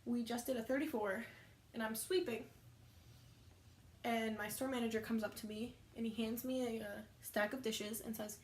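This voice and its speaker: A woman's voice: fairly high pitch, fairly even intonation, normal speed. A young woman casually telling rambling stories about her work, often correcting herself as she goes. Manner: rambling, chatty, self-correcting. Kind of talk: casual storytime chat. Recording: echoey room.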